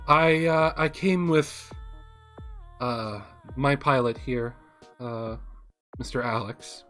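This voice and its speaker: A man voicing a shy woman army medical officer who speaks formally and haltingly. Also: mid-range voice, a bit bright, close to an everyday voice.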